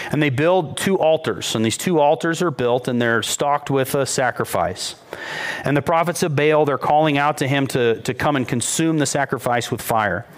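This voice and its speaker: A man preaching a sermon as pastor, retelling a scripture story with lively, mocking quoted voices. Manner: storytelling, rises in pitch when quoting mockery.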